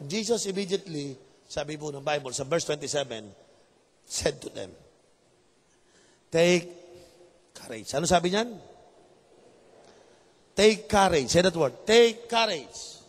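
A male pastor preaching a sermon, swinging between shouts and soft, low passages. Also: a little fast, breathy edge. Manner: animated, shifts between shouting and soft, lowered voice, mixes English into his talk. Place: church sanctuary. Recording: long reverb of a large hall.

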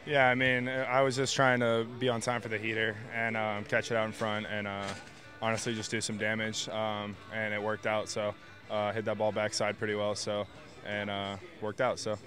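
Low, flat-voiced young ballplayer. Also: male voice, soft background music. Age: young adult. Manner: halting, lots of fillers, trails off with "so". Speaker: college baseball player. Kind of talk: postgame interview. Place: outdoors on a baseball field. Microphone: handheld mic held by interviewer.

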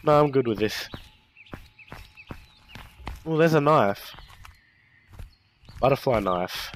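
A young man chatting and bantering with friends over a game, playful and crude in his jokes. His voice sits at a middle pitch, with a faint hiss behind it. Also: lively intonation, takes it slowly. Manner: joking, teasing, swears a lot. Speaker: channel host. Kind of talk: casual gaming banter.

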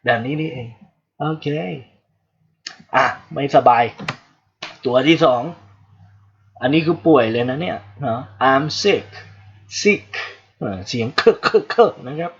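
A man's voice: fairly high pitch, lively intonation, measured pace, long pauses, slightly rough, dull audio. A man from Thailand giving a casual livestream English lesson, joking asides to his viewers. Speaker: English teacher.

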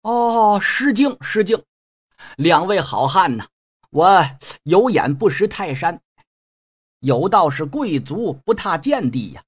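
A man's voice: high voice, sing-song, slow pace, slightly rough, exaggerated voice. A man voicing a timid, obsequious male apothecary who stammers nervously.

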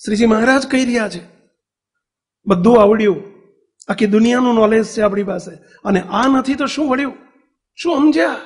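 High-voiced Gujarati man preaching. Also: moderate pace, long pauses. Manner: storytelling, asks the audience questions. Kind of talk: devotional sermon.

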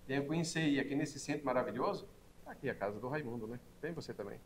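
A man's voice: mid-range voice, fast. A middle-aged man, a restaurant owner, answers interview questions in a friendly, promotional way in a small bar, on a lapel mic.

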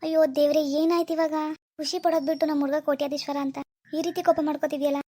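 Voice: high voice, little pitch movement, rapid-fire, dark tone, no room sound, natural voice. A performer playing a young rich man's son who hid his wealth, coaxing and pleading with his fiancée on the phone. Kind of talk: amateur phone-call drama.

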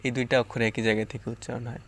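A man teaching Quran letter pronunciation step by step, stretching out louder model sounds between calm explanations. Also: medium pitch, very fast. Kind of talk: slow step-by-step pronunciation lesson.

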